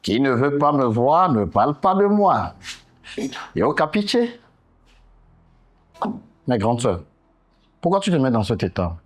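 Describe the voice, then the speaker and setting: An actor playing a smooth-talking younger brother in a TV drama, speaking French with a West African accent, coaxing and soothing his sister. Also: medium pitch, very animated, slow, pauses often. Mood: teasing. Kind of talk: TV drama dialogue.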